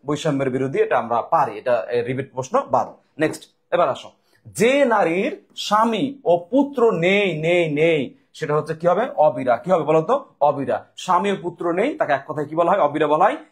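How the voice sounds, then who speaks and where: A man's voice: a little high, fast talker, slightly rough. A male tutor from Bangladesh explaining exam questions to students, drilling them by asking questions and answering them himself. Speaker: admission test tutor.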